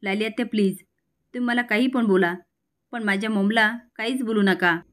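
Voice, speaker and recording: A woman's voice: mid-range voice, steady tone, moderate pace, lightly acted. A woman voicing a hurt young woman who pleads painfully in a storybook retelling. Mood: pleading. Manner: pleading, pained.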